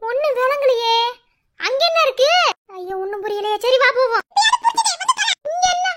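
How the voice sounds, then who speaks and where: Woman doing frantic old granny w madurai accent, crying, super high bright voice. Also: animated, moderate pace. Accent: Madurai Tamil. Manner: wailing, frantic, repeats names. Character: panicking old village grandmother.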